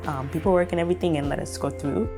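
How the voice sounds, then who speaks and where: Low-voiced young woman from Kenya. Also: fairly even intonation, rapid-fire, music in the background. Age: young adult. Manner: reflective, with frequent fillers. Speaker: interviewee. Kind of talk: documentary interview.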